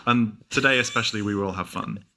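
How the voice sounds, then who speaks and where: A man co-hosting a podcast, chatting casually with dry, deadpan, repetitive jokes. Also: fairly low pitch, brisk. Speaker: podcast co-host. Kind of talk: casual comedic chat.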